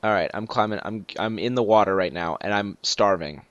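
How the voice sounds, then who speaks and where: A teenage boy hosting a casual game let's play, rambling and excitable with lots of fillers and restarts. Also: on the low side, fairly quick, no echo. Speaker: gaming channel host. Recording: dull lo-fi dry mic.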